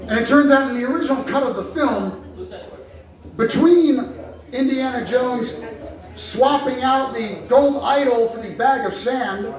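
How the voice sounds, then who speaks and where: Male comic, wry roast toast, unhurried, mic far off in an echoey hall full of laughter. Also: extremely high pitch. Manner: wry, teasing, playful sound effects. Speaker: comedian roasting colleagues.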